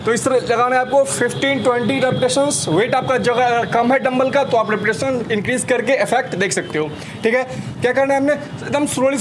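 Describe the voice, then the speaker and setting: A young man in his twenties coaching a home biceps workout on a rooftop, cueing each rep with energetic counting. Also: extremely high pitch. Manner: energetic coaching, repeated "slowly slowly" and counting cues. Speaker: fitness trainer. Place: rooftop terrace outdoors. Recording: noisy outdoor rooftop recording. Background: outdoor street ambience, vehicles.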